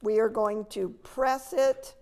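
A woman's voice: on the high side, steady tone, slow, dark tone. An older woman giving a patient, step-by-step cooking demonstration in a large demo kitchen, filmed from a distance. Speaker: extension educator.

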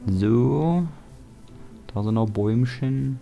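A man's voice: medium pitch, slow pace, gravelly, mellow. A young German man giving casual, chatty let's-play commentary, grumbling and joking at himself as he sorts items and chops wood. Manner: chatty, self-mocking, grumbling asides. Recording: background music under voice.

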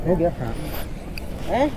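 A young man, the rider who fell, talking casually by a highway roadside, his voice going from loud to muttering. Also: huge pitch swings, unhurried. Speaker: injured rider. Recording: loud road and wind noise outdoors.

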